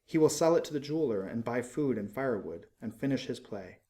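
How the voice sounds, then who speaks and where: A man playing a gentle, sorrowful statue of a prince in a storybook, speaking in a slow, solemn, pleading way. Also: mid-range voice, lively intonation, natural voice.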